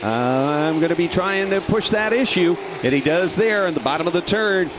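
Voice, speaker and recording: A man working as a co-announcer, calling a race live in an animated, exclamatory way as a race caller. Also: on the high side, moderate pace. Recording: clear engine noise behind. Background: race cars.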